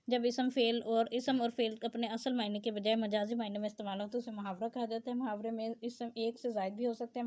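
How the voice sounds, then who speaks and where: A woman's voice: on the high side, mellow. A woman teacher reads out a grammar lesson and explains it in plain asides. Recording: dull lo-fi sound.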